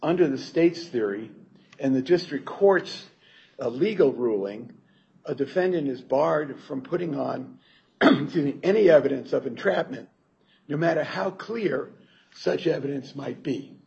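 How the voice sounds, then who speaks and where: A man speaks as an appellate lawyer, giving a formal, explanatory legal argument in a somewhat halting way. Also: on the high side, expressive, gravelly, darkish tone, slightly rough. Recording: dull courtroom recording, faint noise.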